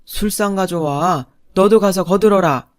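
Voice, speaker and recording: A woman voicing a domineering, quick-tempered older father-in-law who barks orders at his family. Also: lowish voice, big pitch swings. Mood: shouting. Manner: barking orders, loud and bullying.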